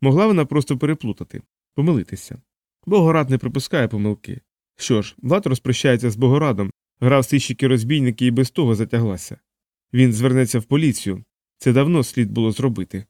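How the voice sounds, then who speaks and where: A man narrates an audiobook in a steady, even storytelling manner, at a middle pitch for a man. The recording is dry and close, with no room echo. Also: fast. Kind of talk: scripted narration.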